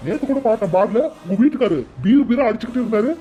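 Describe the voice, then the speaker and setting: Brief: defiant young hothead, voiced by a man, high-pitched and quick. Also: lively intonation, dark tone, faint music behind. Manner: defiant, boastful. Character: hot-headed young man accused of drinking. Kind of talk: cartoon dialogue.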